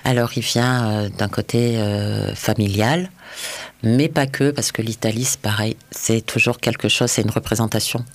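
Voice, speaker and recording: A man's voice: lowish voice, steady tone, moderate pace. A man from France, a restaurant chef, answering interview questions in a thoughtful, hesitant way with many fillers.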